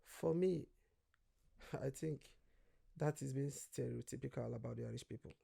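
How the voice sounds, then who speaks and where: A man's voice: mid-range voice, normal speed, gravelly, warm tone, breathy edge. A man from Nigeria, a guest in casual conversation, telling stories animatedly, acting out quoted voices and swearing freely.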